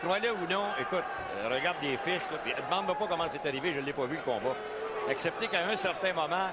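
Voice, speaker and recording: Man, Quebec French accent, boxing commentator, higher-pitched, conversational, very noisy arena. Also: fast. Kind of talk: conversational live sports commentary. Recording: very noisy arena, loud crowd.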